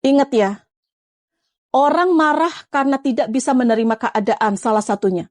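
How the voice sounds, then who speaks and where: Female preacher, high voice, dry close sound, coaxing delivery. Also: normal speed, dry recording. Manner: lively, coaxing, addresses viewers as friends. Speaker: Islamic preacher. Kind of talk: live-streamed religious talk.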